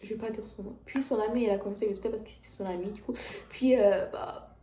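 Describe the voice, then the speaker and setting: A woman's voice: medium pitch, steady tone, fast talker, mellow, reverberant. A teenage girl with a French accent, talking casually to her viewers in a rambling confessional vlog at home, full of restarts and fillers. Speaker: vlogger. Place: at home, indoors.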